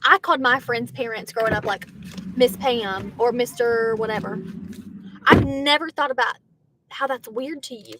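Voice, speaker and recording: Young Southern woman, chatty gig-driver streamer talking to her chat from a car, slightly high voice. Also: normal speed, background noise. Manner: chatty, reads viewer comments aloud. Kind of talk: casual livestream chat.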